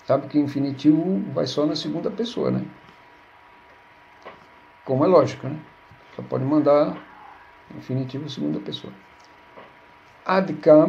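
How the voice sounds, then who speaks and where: A man teaches a Hebrew grammar lesson, patiently repeating words and checking in with his listeners. His voice is fairly high, warm and touched with vocal fry. The recording is dull and lo-fi.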